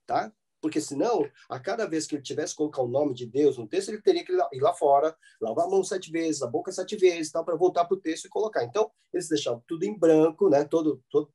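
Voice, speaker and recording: A Brazilian man teaching a church theology class. His voice is mellow and a little husky, sitting slightly high for a man. He explains patiently, checking in often with his students as he goes. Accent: Brazilian Portuguese. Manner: explanatory, with frequent "né?" and "tá?" check-ins.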